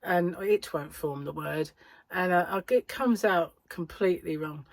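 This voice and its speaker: Chatty British woman, lowish voice, slight speech impediment. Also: unhurried, dry recording. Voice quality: slight speech impediment, words occasionally not forming cleanly. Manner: chatty, self-deprecating, meandering. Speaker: crochet vlogger and yarn shop owner. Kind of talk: casual rambling vlog chat.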